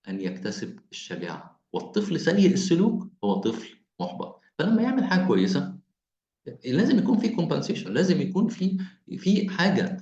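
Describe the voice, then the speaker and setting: A man with an Egyptian Arabic accent giving an online parenting lecture, explaining things with animated repetition over a video call. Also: mid-range voice, reverberant, lo-fi sound. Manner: animated, explaining with repeated phrases.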